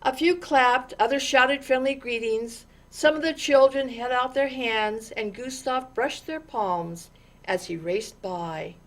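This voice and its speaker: Reading a children's storybook aloud, this storytime reader has a fairly high female voice. She goes very slowly and deliberately, using dramatic pauses and expressive stress on the key words.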